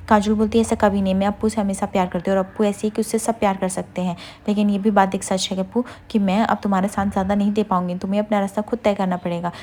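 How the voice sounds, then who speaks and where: Fast-talking woman retelling a serial. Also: medium pitch, darkish tone. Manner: rapid retelling with fillers, quotes each character in turn. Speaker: serial recap narrator. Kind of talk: casual story recap.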